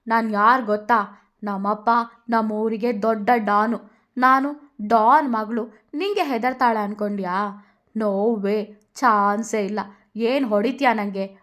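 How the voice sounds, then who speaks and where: A woman voicing a feisty young heroine in a narrated story, loud and defiant. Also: medium pitch.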